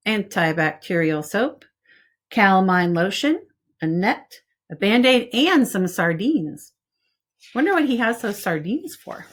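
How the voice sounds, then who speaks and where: A woman with a medium-pitched voice reads a picture book aloud like a preschool teacher. She's expressive, speaks straight to her young listeners, and drops in casual asides.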